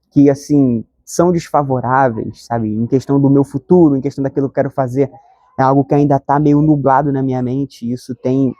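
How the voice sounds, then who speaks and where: Earnest young man, mellow voice. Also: mid-range voice, no room sound, clean studio sound. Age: 20s. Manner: earnest, conversational, frequent "sabe?" tags. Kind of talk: reflective devotional talk to camera.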